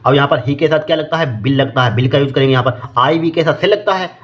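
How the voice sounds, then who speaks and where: A man teaching an exam-prep lesson who keeps asking and answering his own questions. He reads English exam questions aloud slowly, word by word. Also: fairly high pitch. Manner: repeats "here" and "okay" constantly, asks and answers his own questions.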